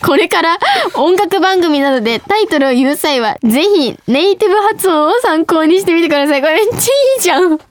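A woman's voice: very high-pitched, animated, fast talker, few pauses, no echo. A young woman hosting a radio show, reading listener mail and chatting casually, bubbly and often breaking into giggles.

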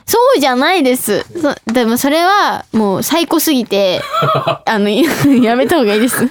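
A woman's voice: fairly high pitch, animated, normal speed, a little hiss or hum. A young woman hosting a radio show, reading listener mail and chatting casually, bubbly and often breaking into giggles.

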